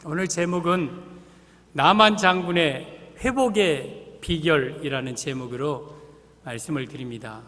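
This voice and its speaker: Male senior pastor, high voice, lively storytelling sermon, church reverb. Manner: animated storytelling, acting out characters. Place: church sanctuary. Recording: long reverb of a church sanctuary.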